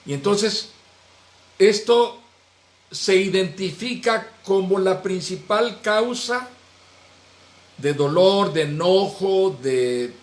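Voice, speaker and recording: A male pastor teaching a Bible study in earnest, raising his voice on some phrases and dropping low and soft at the ends of others. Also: slow, long pauses. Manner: earnest, swings between raised animated phrases and low soft trailing endings. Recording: echoey room, faint background noise.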